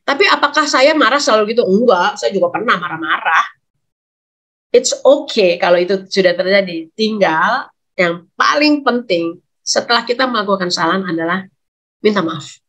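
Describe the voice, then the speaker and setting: Woman talking parenting on a video call, kinda husky voice, acts out the kids' lines. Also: medium pitch, expressive, normal speed. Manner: acts out child and parent voices, warm advising tone. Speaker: parenting speaker. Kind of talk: webinar talk on parenting.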